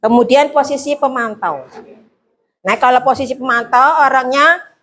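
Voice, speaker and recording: High-voiced woman teacher presenting. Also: normal speed, slight background noise. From Indonesia. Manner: lively, explains with acted examples. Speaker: teacher and trainer. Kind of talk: training presentation to fellow teachers.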